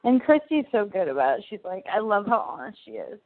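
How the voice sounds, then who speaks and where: A woman's voice: mid-range voice, sing-song, fairly quick, gravelly. A woman talking over a prison phone line, eagerly explaining things in a casual way with many "like"s. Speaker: person on the other end of a prison call.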